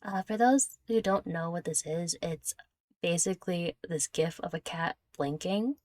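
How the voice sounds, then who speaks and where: A young woman answers her viewers' questions in an easygoing, rambling chat, giggling and self-deprecating near the mic. Her fairly low voice is a little slow and slightly mellow, with no echo.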